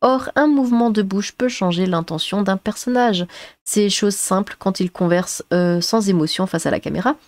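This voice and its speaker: A synthetic clone of a woman's voice, reading a summary in an even, steady way. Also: mid-range voice, moderate pace, no room sound. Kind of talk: AI-translated voice reading a book summary.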